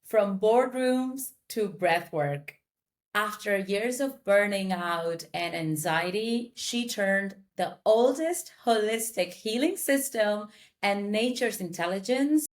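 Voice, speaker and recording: Slow-speaking woman host. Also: medium pitch. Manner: prompting, checks in with "right?". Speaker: podcast host. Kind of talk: casual interview conversation.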